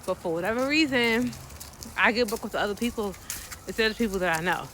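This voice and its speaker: An American woman telling a story casually, animated and slangy, often acting out the voices of other people. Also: medium pitch, fast, a little hiss or hum. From United States.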